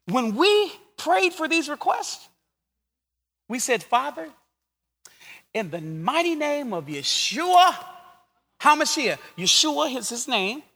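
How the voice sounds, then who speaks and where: A middle-aged man preaching a sermon as pastor, swinging from quiet asides to shouted calls. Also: extremely high pitch, sing-song, slow, pauses often, big-room sound.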